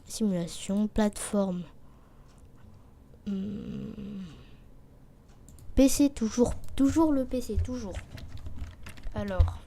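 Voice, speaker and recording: A let's play gamer with a slow, mid-range voice and vocal fry comments casually as she plays, reading on-screen text aloud and muttering to herself. She takes long pauses and sometimes drops into a quiet whisper while thinking.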